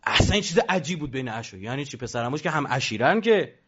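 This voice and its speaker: A man giving an animated religious lecture, emphatic and rhetorical, now and then mimicking the voices of others. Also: medium pitch, breathy edge, highs cut off.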